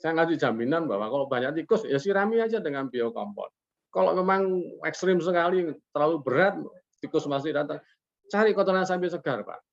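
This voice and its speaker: Gravelly man explaining on a lo-fi call. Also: a little high, expressive, a little fast. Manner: folksy, ends nearly every phrase with a polite "Pak"; poses rhetorical questions and answers them himself. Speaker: guest expert in a webinar. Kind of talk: casual explanatory talk over a webinar call. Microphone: video call. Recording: lo-fi online call audio.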